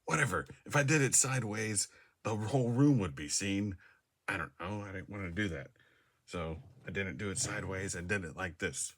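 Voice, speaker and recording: A low-voiced, expressive man vlogs at normal speed into his device's camera in a room, his tone fairly bright against slight background noise. He wanders from point to point, stumbling over fillers and restarts and frequently chuckling at himself.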